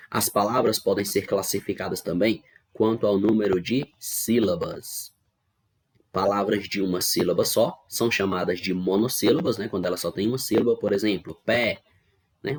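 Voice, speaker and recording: This man's voice is fairly low and slightly rough. Speaking with a Brazilian Portuguese accent from a home setup, he leads an online grammar class, explaining patiently step by step and repeatedly asking whether students follow.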